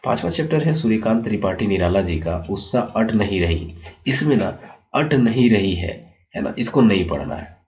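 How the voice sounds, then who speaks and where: Man teaching a class, low voice, dull lo-fi recording, patient explanatory manner. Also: expressive, moderate pace, a little hiss or hum. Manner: repeats "ठीक है" and addresses children warmly, explanatory. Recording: dull lo-fi sound.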